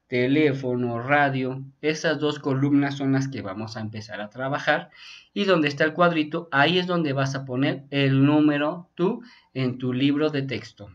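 A man's voice: medium pitch, measured pace. A male teacher, patiently walking young students through a textbook in an online class and often checking in with "ok?". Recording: dull lo-fi sound.

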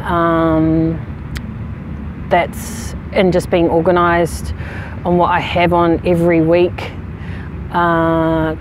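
A woman in her thirties from New Zealand, a rugby player answering interview questions outdoors in a frank, relaxed way with many fillers. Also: lowish voice, extremely slow, pauses often, background noise. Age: 30s. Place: outdoors on a sports field. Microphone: camera at medium distance.

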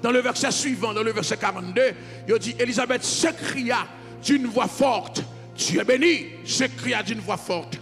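A man's voice: very high-pitched, normal speed, a bit bright. Haitian pastor guy preaching hard, sing-song, music playing faintly behind. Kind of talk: sermon. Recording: reverberant hall with music behind.

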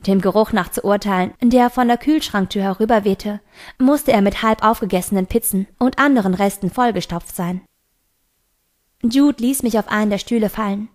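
A woman's voice: medium pitch, normal speed. Woman reading a novel aloud. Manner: steady first-person storytelling. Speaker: audiobook reader.

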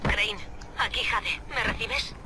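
An actress voicing a young woman survivor in a game dub, speaking briskly and urgently over a helmet radio. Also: mid-range voice, crowd noise. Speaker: game character calling in by radio. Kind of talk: Spanish game dub acting.

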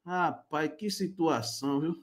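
A man's voice: fairly high pitch, unhurried. A man giving mocking, incredulous live reaction commentary, repeating phrases back.

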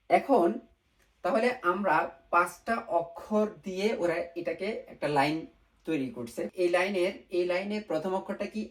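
A man's voice: sits high, poor audio. Male teacher, patient stepwise lesson narration, repeats key points, drops in English words. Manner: repetitive, asks and answers own questions; mixes English words into Bengali. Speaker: Japanese language teacher.

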